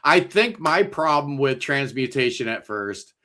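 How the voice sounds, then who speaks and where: A man's voice: medium pitch, expressive, unhurried, pushed and bright. A man hosting a casual podcast panel, talking enthusiastically and jokily with lots of fillers. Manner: enthusiastic, jokey, loose with fillers. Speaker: podcast host.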